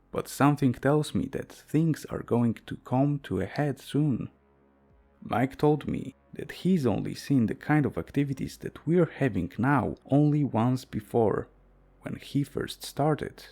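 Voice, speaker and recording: A man's voice: mid-range voice, gravelly, darkish tone. A man reading a horror story aloud as a narrator, with a dry, wry storytelling delivery.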